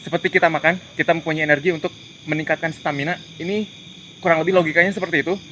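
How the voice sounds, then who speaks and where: A man hosting a paranormal investigation, giving hushed, tense live commentary outdoors at night among trees, muttering prayers and pleading. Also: a little high, fairly even intonation, very fast, a little hiss or hum. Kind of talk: live ghost-hunting commentary.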